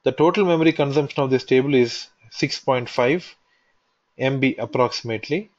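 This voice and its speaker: A man's voice: medium pitch, moderate pace. Repetitive man in a dull lo-fi tutorial. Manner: repetitive, restates each point step by step. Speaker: software tutorial instructor. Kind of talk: screen-recorded technical walkthrough. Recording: dull lo-fi voice recording.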